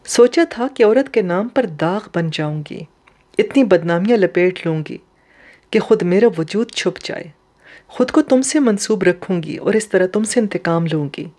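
A woman's voice: mid-range voice, animated, warm tone, natural voice. A woman voicing a proud but wounded young woman who pleads emotionally with a friend. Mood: bittersweet. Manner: emotional, impassioned questioning.

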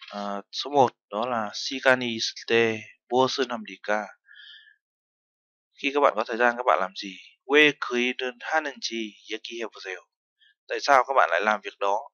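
Bright-voiced man teaching a lesson. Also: medium pitch, dry recording, dull audio. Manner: explains step by step, mixing in Korean terms. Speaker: Korean language teacher. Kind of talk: lesson narration.

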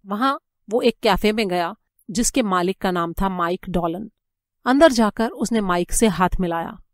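A woman reading a story aloud as an audiobook narrator, with measured, expressive storytelling. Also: medium pitch, dry recording, clean studio sound.

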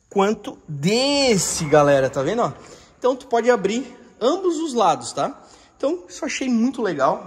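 A man's voice: fairly high pitch, slight background noise. A man giving a casual, slangy house tour, chatting to viewers and pointing out details as he walks through an empty house. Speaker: real estate video host. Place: empty house with bare hard floors. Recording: echoey empty rooms, long reverb.

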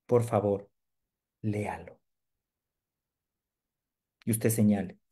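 A man's voice: lowish voice, slow pace, breathy edge. A man leading a live sales training demonstration, joking with and quizzing his audience. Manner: lively, jokes and quizzes the audience.

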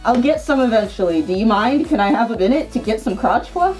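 A woman's voice: on the high side, lively intonation, brisk, loud music behind the voice, poor audio. A woman hosting a casual chat, teasing and giggling, talking through a fursuit head. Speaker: host.

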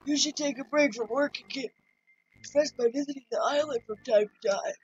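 A woman's voice: high voice, brisk, close to an everyday voice. A woman voicing a chatty retired tortoise mayor in a very old man manner, reading video game dialogue aloud. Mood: smug, friendly. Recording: dull lo-fi audio.

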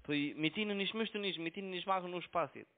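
A brisk, high-pitched man with a foreign accent argues over a tinny, narrowband phone line, pushing his phrases again and again in broken sentences. German is not his first language, and he is a phone broker working as a scam caller.

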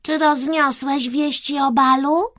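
A woman voicing a lively, playful little girl in a storybook. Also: high voice, takes it slowly, pitched above the performer's own voice.

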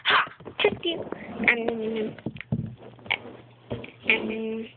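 A woman's voice: fairly high pitch, very slow. A young girl play-acting a family scene with toys, voicing the characters herself in a playful, squealing way. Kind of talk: toy play-acting with voices. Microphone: phone. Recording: tinny phone recording with loud noise.

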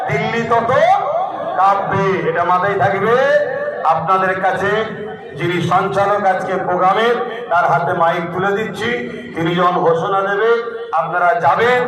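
High-pitched male rally preacher, heavily echoing. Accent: Bengali of West Bengal. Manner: exhorting, keeps asking the crowd to respond. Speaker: religious leader addressing a rally. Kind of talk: rousing speech to a crowd. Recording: very echoey distant PA with crowd. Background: crowd.

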